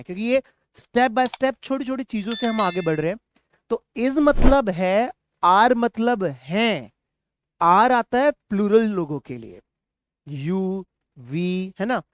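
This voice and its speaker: A man's voice: high voice, clear, resonant tone, no room sound. A man from India teaching a spoken English lesson. He patiently drills short words and has the class repeat them, with encouraging praise between drills.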